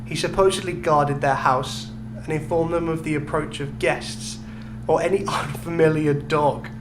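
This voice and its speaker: A podcast co-host tells a story in casual chat, sounding amused and explanatory. His voice is a little high with a steady tone and a moderate pace, with music in the background, and the recording is clearly noisy with hum.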